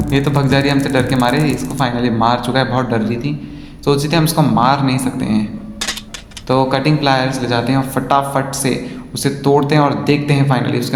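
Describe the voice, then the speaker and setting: A man casually commenting on his own gameplay in speech, chatting to viewers and calling them guys. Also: medium pitch. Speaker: gaming vlogger. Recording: echoey room, faint ambient noise.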